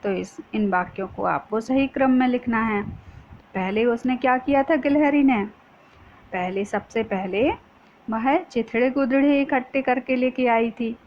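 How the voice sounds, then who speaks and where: A woman's voice: fairly high pitch, a little slow. A woman teacher explaining a school lesson to young pupils, patient, often asking a question and then answering it herself. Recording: dull lo-fi sound with faint noise.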